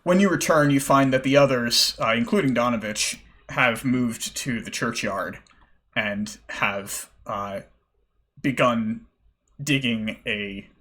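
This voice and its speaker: A man running a tabletop game as game master, narrating with a relaxed, halting delivery. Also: mid-range voice. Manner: relaxed, hesitant with fillers and restarts.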